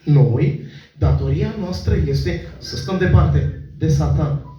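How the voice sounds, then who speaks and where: A man preaching a fervent sermon, often breaking into shouts of praise. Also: a little high, muffled recording. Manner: fervent, with frequent call-outs of praise. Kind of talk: Pentecostal-style sermon. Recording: very echoey, distant mic in church.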